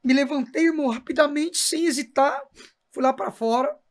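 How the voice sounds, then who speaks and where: A man's voice: very high-pitched, normal speed. Brazilian guy, missionary preacher, fervent testimony, keeps saying brother. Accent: Brazilian Portuguese. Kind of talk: emotional faith testimony.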